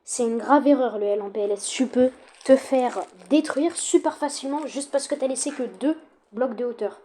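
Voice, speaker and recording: High, mellow-voiced young woman reacting. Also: normal speed, slight background noise. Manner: playful, teasing, talks straight to the creator. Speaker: reaction video host. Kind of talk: casual reaction commentary.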